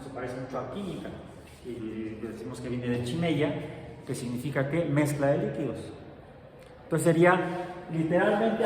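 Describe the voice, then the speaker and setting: A man teaching a science class, explaining step by step and pausing often on fillers. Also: fairly high pitch, a little mellow, recorded from a distance. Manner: explanatory, halting with many fillers. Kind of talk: classroom lecture. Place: large echoey classroom. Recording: very echoey hall, faint background noise.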